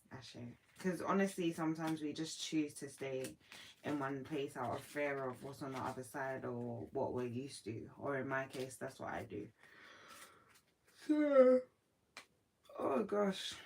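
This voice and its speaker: A woman with a low, sleepy morning voice hosts a casual live stream. She talks in a relaxed, reflective way to her viewers. A faint hiss sits under the voice. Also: creaky, low-quality recording. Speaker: livestream host.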